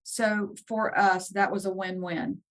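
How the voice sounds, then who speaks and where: A woman's voice: mid-range voice, little pitch movement, a little slow. A woman guest in a podcast interview, speaking earnestly with frequent ums and restarts. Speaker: guest, nursing executive.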